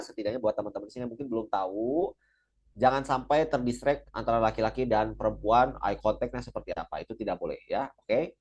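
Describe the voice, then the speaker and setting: A young man giving an energetic public speaking seminar, repeating key points and adding frequent religious phrases. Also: fairly low pitch. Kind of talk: lively seminar talk.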